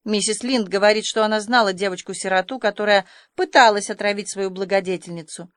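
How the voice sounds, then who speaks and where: A woman's voice: medium pitch, brisk, dry recording, clean studio sound, natural voice. A woman voicing a dramatic, remorseful orphan girl in an audiobook reading, with breathless, pleading delivery. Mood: tearful pleading.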